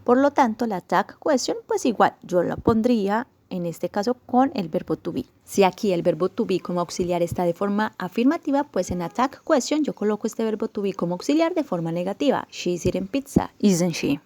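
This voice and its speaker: A woman teaching an English grammar lesson in Spanish, explaining patiently step by step and slowing down to model example sentences. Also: medium pitch, expressive, darkish tone, dry recording.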